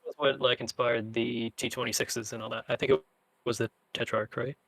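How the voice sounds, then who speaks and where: A man with a mid-pitched, creaky voice chats casually as a podcast co-host. The recording is dry and free of room sound. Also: flat delivery, moderate pace, a bit bright, no room sound, poor audio. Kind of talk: casual banter.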